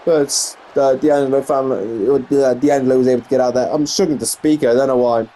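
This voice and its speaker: A man's voice: medium pitch, fairly even intonation, fairly quick, dark tone, a little hiss or hum. A young English man casually commentating a wrestling video game, rambling and correcting himself with frequent exclamations. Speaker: gameplay commentator.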